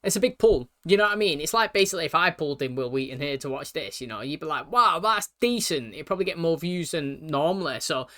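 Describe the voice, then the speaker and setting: A man's voice: a little high, expressive, quick pace, few pauses, a bit bright, no room sound, clean studio sound. A man giving casual, chatty episode commentary as a reaction video host, in colloquial language. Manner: chatty, colloquial, checks in with "you know what I mean".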